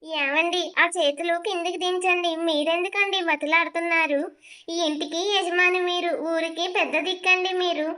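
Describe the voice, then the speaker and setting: A woman's voice: very high voice, fairly even intonation, normal speed, bright, forceful tone. A woman voicing a proud devoted village wife. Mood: firm. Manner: firm, protective of husband's honour.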